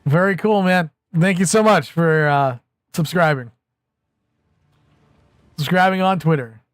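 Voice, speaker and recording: A man's voice: on the high side, a little slow, clear, resonant tone, no echo, studio quality. A man in his thirties chatting casually on a livestream, rambling and sarcastic. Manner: rambling, self-mocking and sarcastic. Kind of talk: casual live-stream chat.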